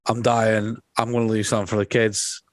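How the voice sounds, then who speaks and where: This is a man doing a throwaway impression of a desperate, dying chemistry teacher. The delivery is quick and offhand, hardly shifted from his normal speech. The sound is close and dry. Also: lowish voice, little pitch movement, no echo, lightly acted. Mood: mock-earnest. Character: desperate middle-aged male chemistry teacher.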